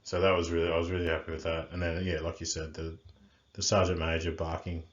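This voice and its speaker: A man co-hosting a casual rugby chat, relaxed and rambling with many fillers. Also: deep voice, fast talker. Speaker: rugby coach and podcast co-host. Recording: echoey room, dull lo-fi sound.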